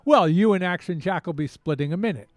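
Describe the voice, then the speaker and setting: A man's voice: high voice, fairly quick, no room sound. A man co-hosting a radio fundraiser in casual banter. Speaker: radio co-host.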